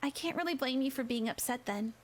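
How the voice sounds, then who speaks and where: A woman voicing an earnest, chipper teenage schoolgirl in a whispered role-play storybook reading, eager and softly apologetic. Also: high voice, lively intonation, a little fast. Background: rain and crackling fireplace.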